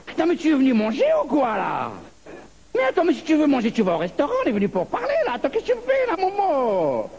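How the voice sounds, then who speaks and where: A man's voice: gravelly, full character voice. A comedian voicing a chattering pied-noir man who talks nonstop at a meal and never lets anyone else speak. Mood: excited, pushy. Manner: rapid nonstop patter, high and excited.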